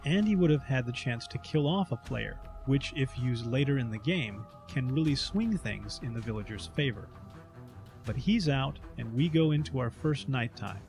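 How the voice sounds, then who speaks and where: A man narrates a game recap in a scripted style. His voice sits at an ordinary middle pitch, with light music underneath. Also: expressive, moderate pace, creaky, a little mellow.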